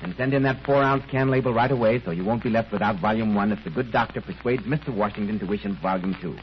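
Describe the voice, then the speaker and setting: In a polished, courteous 1930s announcing style, a male radio host runs through scripted sponsor chat like a salesman. His voice is fairly low and he talks fast, captured on a dull, noisy 1930s radio recording.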